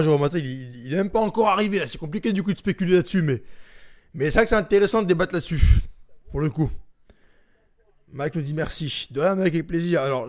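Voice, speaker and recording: A young man with a fairly high-pitched voice hosts a casual live stream, talking straight to his viewers. He reads their comments aloud and answers each one in a relaxed, chatty manner.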